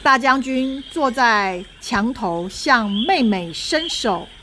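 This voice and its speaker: Expressive woman reading a children's story. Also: a little high, slow pace, a little hiss or hum. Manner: expressive, dramatic read-aloud.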